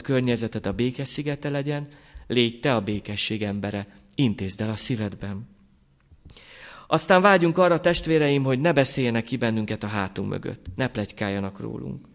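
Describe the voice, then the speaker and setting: A middle-aged man delivers a sermon to a church congregation, speaking in a mid-pitched voice. He keeps turning to his listeners with direct questions, and his voice sinks low when he admits his own shortcomings. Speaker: pastor.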